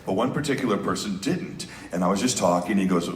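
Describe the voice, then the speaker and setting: A man on a convention panel, telling a lively anecdote into a microphone. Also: fairly low pitch, fast. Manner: animated anecdote telling with impressions. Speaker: voice actor panelist. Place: large convention hall. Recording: echoey convention hall with noise.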